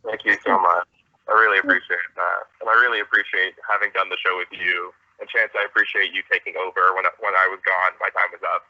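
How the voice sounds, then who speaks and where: A young man, a former host of a college radio show, chatting casually and upbeat and quick to agree. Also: low voice, flat delivery, no room sound, muffled recording. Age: young adult. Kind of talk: casual chat.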